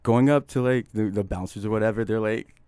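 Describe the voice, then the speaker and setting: A man's voice: lowish voice, brisk, darkish tone, smooth, no echo. Laid-back young man telling stories. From Chicago. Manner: laid-back, many "like" fillers, laughs while telling. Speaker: podcast guest. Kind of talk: casual storytelling chat.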